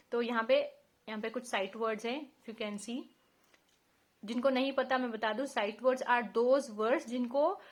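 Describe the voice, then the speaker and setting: Indian woman in her 30s, higher voice, patient teaching walkthrough, sounds out letters. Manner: explains patiently, spells out letter sounds slowly. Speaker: parent reviewing a phonics book.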